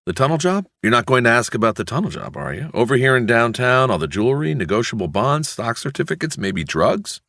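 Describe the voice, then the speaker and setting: A man voicing an eager male crime reporter who fires off quick, excited questions in an audiobook. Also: fairly low pitch, dry recording, studio quality, voice pushed up, exaggerated voice.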